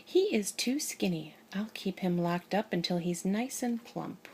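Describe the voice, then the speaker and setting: A woman voicing a greedy, cruel old witch in a hushed, breathy bedtime storybook reading. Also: on the high side, lively intonation, takes it slowly, full character voice. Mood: sinister.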